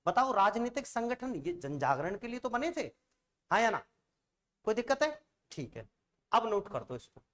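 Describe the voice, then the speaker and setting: A man's voice: sits high, sing-song, moderate pace, long pauses, fairly bright tone. A male teacher giving an online exam-prep coaching lecture, chatty and always checking in with students through rhetorical questions.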